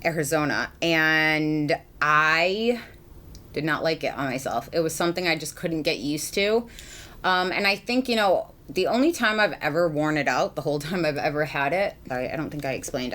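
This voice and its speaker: A woman's voice: low-pitched, a bit bright. A young adult woman chatting casually through a makeup routine as a beauty vlogger, rambling with many ums and likes. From Massachusetts. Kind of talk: casual get-ready-with-me chat.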